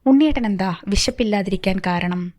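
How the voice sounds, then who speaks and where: A woman's voice: mid-range voice, a little fast, darkish tone, natural voice. A woman reading the part of a worried wife and mother who keeps questioning her husband. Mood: probing. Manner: pleading, probing.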